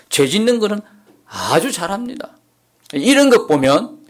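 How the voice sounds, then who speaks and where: A male pastor preaching a Sunday sermon, moving from emphatic peaks to soft, quiet asides. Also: on the high side. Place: church sanctuary.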